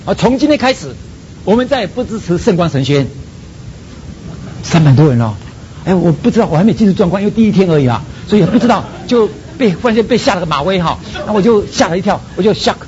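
A male preacher with a Taiwanese Mandarin accent tells a personal testimony in a lively, storytelling manner, acting out his own prayers. His voice sits a little high. The recording is dull and lo-fi, with a faint rumble underneath. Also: very fast. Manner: animated storytelling, acts out prayers. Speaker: seminary president, preacher. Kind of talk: sermon testimony.

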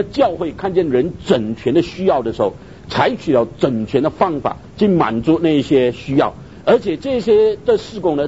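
Animated preacher, man. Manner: animated, keeps asking listeners "right?", mixes in English terms. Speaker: preacher on missions. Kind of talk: sermon. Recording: dull lo-fi recording with faint rumble.

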